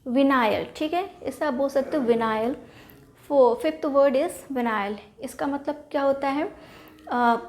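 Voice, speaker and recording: High-pitched indian lady teaching english words, says each one twice, keeps saying okay. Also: darkish tone. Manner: repeats words, frequent "thik hai" checks, slow deliberate spelling. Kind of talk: explaining word lists in Hindi-English mix.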